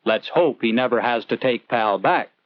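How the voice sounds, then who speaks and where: Earnest and conversational, a man narrates a scripted 1940s instructional film as a story, putting questions to the viewer. His mid-range voice goes at normal speed on a dry old film soundtrack with the highs cut off.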